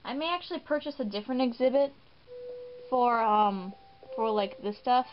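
A woman's voice: a little high, normal speed, a little hiss or hum. A woman hosting a gaming video in casual, rambling commentary, often poking fun at herself. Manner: chatty, rambling, self-mocking. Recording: muffled, with game music behind.

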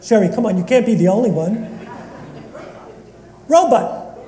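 A man from Northeast Philadelphia, a rabbi, delivers a sermon in a synagogue sanctuary, joking and bantering with his congregation. His voice is high and mellow, his pace quick. Echoey hall reverb fills the recording.

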